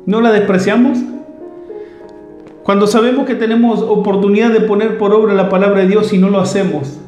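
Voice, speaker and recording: A man's voice: high-pitched, steady tone, fairly quick, darkish tone, roomy sound, faint music behind. A man preaching a sermon as pastor, emphatic and full of rhetorical questions.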